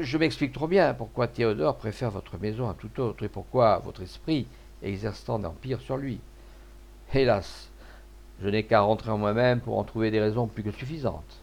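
A man voicing a desperate, tearful young wife in a storybook reading, with a pleading, broken delivery and a gravelly voice. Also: mid-range voice, a little mellow, lightly acted.

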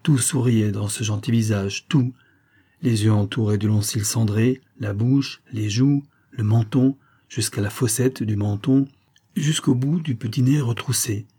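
Brief: low, dark-toned male narrator, husky, measured audiobook storytelling. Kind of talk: scripted narration of a classic short story.

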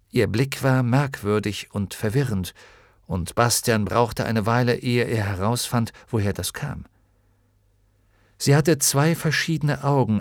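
Male audiobook narrator, mid pitch, expressive read, dry studio. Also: no echo. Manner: expressive storytelling. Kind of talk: scripted narration.

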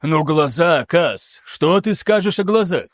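A man voicing an excitable, theatrical male scholar who lectures insistently in an audiobook. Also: on the high side, unhurried, no echo, clean studio sound. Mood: exasperated, urgent. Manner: animated, insistent, showy.

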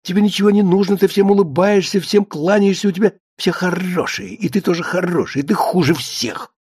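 A man putting on a shrill scolding wife. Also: a little fast, darkish tone, breathy edge, no echo, clean studio sound. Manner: scolding, insistent. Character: shrill nagging middle-aged wife. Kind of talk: audiobook character voice.

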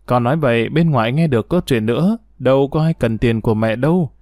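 A man voicing a worried middle-aged mother in a read-aloud story, pleading softly and slowly with her child. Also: mid-range voice, no room sound, studio quality, close to an everyday voice.

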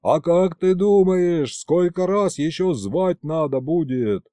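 A man voicing an excitable young man who shouts and pleads eagerly. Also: sits high, measured pace, no room sound, studio quality, voice pushed up.

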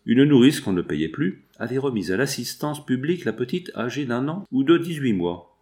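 A man with a mid-range voice reads a novel aloud as an audiobook narrator, measured and expressive in delivery.

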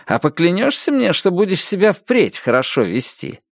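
A man voicing a cruel male officer who puts on a soft, sanctimonious tone. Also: high-pitched, sing-song, moderate pace, creaky, no echo, studio quality, pitched above the performer's own voice, full character voice. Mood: mock-gentle. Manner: mock-gentle, sanctimonious. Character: sly, cruel male officer feigning kindness.

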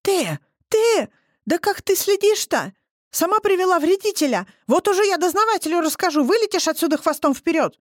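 A reader playing a shrill, quarrelsome man who shrieks and scolds. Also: big pitch swings, moderate pace, no room sound, clean studio sound. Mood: furious.

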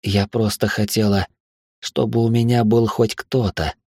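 A man voicing a gravely wounded young princess who talks slowly and faintly about her nightmares. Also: on the low side, little pitch movement, mellow, no echo, studio quality. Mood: weary. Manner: slow, faint and weary.

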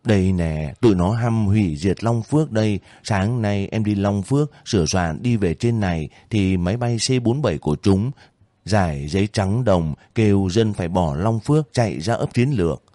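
Gentle young village girl, read by a man. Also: fairly low pitch, animated, normal speed, no room sound, studio quality, lightly acted. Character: young female village volunteer, gentle and earnest.

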